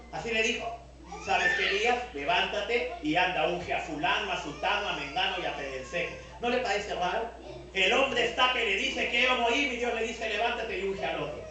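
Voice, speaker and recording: A man with a Peruvian Spanish accent preaching a lively sermon as pastor, acting out the voices he quotes. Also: fairly high pitch. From Peru. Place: large church hall. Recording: echoey hall, mic at a distance.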